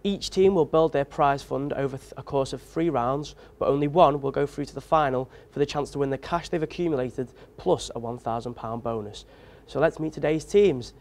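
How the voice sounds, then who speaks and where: A man's voice: medium pitch, normal speed, few pauses, darkish tone. A young man hosting a staged quiz show, with upbeat, teasing presenter patter. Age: young adult.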